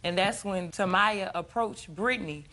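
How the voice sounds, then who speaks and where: A woman's voice: medium pitch, normal speed, bright, forceful tone. Young woman witness testifying in court.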